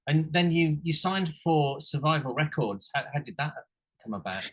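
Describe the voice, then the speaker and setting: A man's voice: on the high side, expressive, moderate pace, a bit bright. A man hosts a radio interview in a casual chat style. He keeps his responses brief and encouraging. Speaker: radio host.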